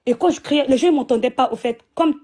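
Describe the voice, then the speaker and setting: Woman, fairly high and mellow voice, earnest testimony, lots of restarts. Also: quick pace, husky. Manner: repetitive, retells with many fillers and restarts. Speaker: guest giving a religious testimony. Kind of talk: emotional personal testimony.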